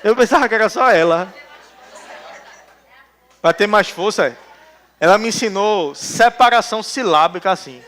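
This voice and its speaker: A man's voice: sits high, normal speed, long pauses, fairly bright tone, a faint crowd. A male pastor, preaching a sermon in a church and telling jokey stories, acting out the people he quotes. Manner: joking storytelling, acts out quotes. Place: church hall.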